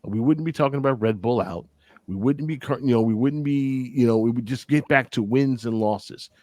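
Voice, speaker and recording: A man's voice: mid-range voice, normal speed, mellow, no room sound. A middle-aged man hosting a casual sports podcast, talking bluntly and with feeling and repeating phrases for emphasis. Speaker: podcast host.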